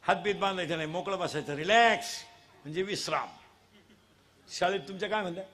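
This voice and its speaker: Teasing the children and drilling them in loud call-and-response, a middle-aged man preaches a comic devotional kirtan in a brisk voice that sits high.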